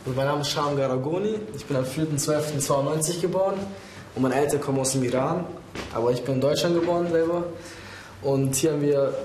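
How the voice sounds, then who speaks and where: A man's voice: medium pitch, darkish tone. Young man, self-introduction, matter-of-fact, roomy echo, faint noise. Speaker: program participant.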